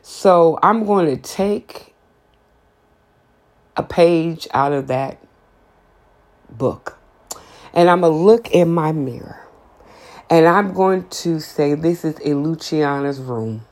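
A woman's voice: on the low side, slow pace, long pauses, darkish tone. A woman hosting her own podcast, ranting in disbelief about something she read. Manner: incredulous, exasperated ranting. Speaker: podcast host. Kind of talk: casual monologue.

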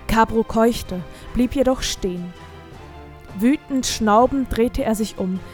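A woman reading a fantasy audiobook in steady, scripted narration. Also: a little high.

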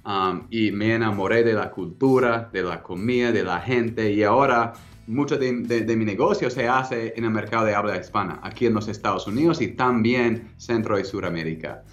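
An American entrepreneur in his thirties, with an American English accent, speaks Spanish as a second language as a guest in a casual interview. His lowish voice moves at normal speed, relaxed but hesitant, full of ums and restarts, over dull audio with faint music in the background.

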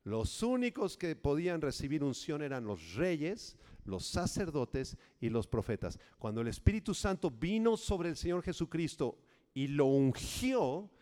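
A man preaching a sermon as a pastor, teaching step by step, and swinging from loud, rousing lines to quiet instructions. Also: a little high, big pitch swings, a little slow. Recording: long hall reverb.

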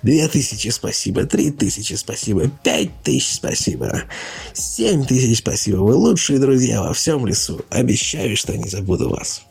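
A man's voice: on the high side, lively intonation, normal speed, creaky, dark tone, husky, soft background music, pitched above the performer's own voice, full character voice. Man doing a whiny sly ghost boy, Laban. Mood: wheedling.

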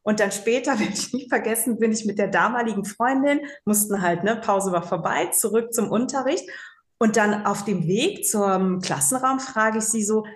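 A woman's voice: mid-range voice, moderate pace. Chatty woman in her forties, roomy sound. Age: 40s. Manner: chatty storyteller, many fillers, laughs easily. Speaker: interview guest, psychological counselor. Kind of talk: casual interview chat. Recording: roomy echo.

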